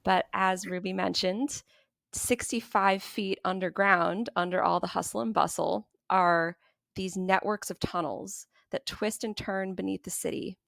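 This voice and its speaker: Gravelly-voiced woman telling a spooky story. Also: mid-range voice, measured pace, no room sound, clean studio sound. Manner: laughs often, relaxed telling. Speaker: podcast host, storyteller. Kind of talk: casual chat and storytelling. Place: bedroom at her parents' apartment.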